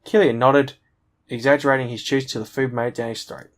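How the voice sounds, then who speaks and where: A man's voice: medium pitch, flat delivery, brisk. A man playing through a visual novel, reading its text and dialogue aloud in a plain voice and breaking off for joking asides.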